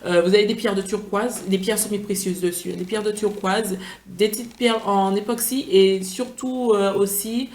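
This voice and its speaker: In an echoey room, a tired but chatty woman records a casual product-review vlog, playful and gushing with enthusiasm. Her medium-pitched, darkish voice keeps fairly even intonation at a normal speed.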